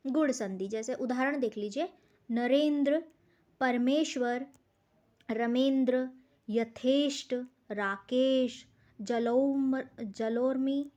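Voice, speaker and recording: A woman teacher giving an exam-prep grammar lesson. She explains step by step, asks questions and answers them herself, and says her examples slowly and deliberately. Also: sits high, darkish tone.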